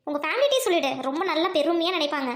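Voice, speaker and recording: A woman's voice: very high-pitched, very animated, rapid-fire, echoey room. A woman voicing a stern young female friend who speaks firmly and reproachfully, in an audio drama. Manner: firm, reproachful.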